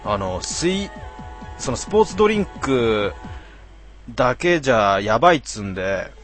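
A man in his twenties, a bit tipsy, chatting casually on a live stream as he reads out viewer comments in rough, slangy, self-mocking banter. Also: mid-range voice, very animated, measured pace, soft background music. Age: 20s.

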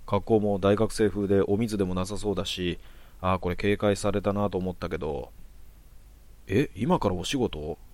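A man calmly reading out short horror stories in a matter-of-fact manner. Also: sits low, brisk, no echo. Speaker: storyteller. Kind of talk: narrated horror story.

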